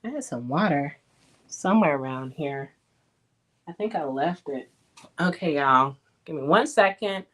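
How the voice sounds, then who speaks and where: A woman's voice: deep voice, animated, unhurried, pauses often, fairly bright tone. A woman, hosting a casual livestream and chatting with viewers. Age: 40s. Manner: chatty, Southern-tinged "y'all" slang, laughs often. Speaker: livestream host.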